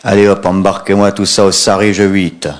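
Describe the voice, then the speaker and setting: A man's voice: low-pitched, monotone, normal speed, natural voice. A man reading aloud as a blunt policeman making an arrest, speaking curtly. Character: gruff Parisian male policeman.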